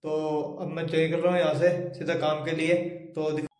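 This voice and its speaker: A man's voice: a little high, little pitch movement, a little fast. A young man with a Haryanvi accent, chatting casually to his viewers as he films himself on his phone. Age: young adult. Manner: informal, chatty, addresses viewers as guys. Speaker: vlogger. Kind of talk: casual vlog narration to camera. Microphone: phone selfie camera at arm's length.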